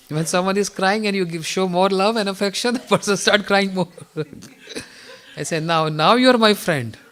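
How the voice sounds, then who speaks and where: A man giving an informal morning spiritual lecture, telling stories with chuckles and throat clearing. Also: high-pitched, a little slow, pauses often, a bit bright. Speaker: spiritual teacher.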